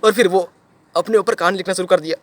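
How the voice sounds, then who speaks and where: Young man, high pitched, audition monologue, repeats for emphasis, dry close sound. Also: fairly even intonation, fast talker, dry recording. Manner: repetitive, emphatic storytelling with sudden swells and drops. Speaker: actor performing an audition monologue. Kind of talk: dramatic monologue storytelling.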